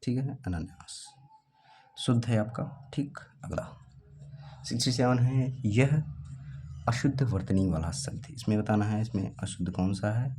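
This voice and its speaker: A man's voice: fairly low pitch, steady tone, a little slow, mellow, a little hiss or hum. A man teaching an exam practice lesson, sounding out words aloud as he eliminates wrong answers.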